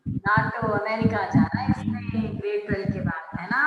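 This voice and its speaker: A woman teacher running an online class, speaking slowly and stretching out her English phrases as she calls on students by name. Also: mid-range voice, highs cut off, very noisy. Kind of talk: online class lesson, mixing Hindi and English. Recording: echoey room with long reverb.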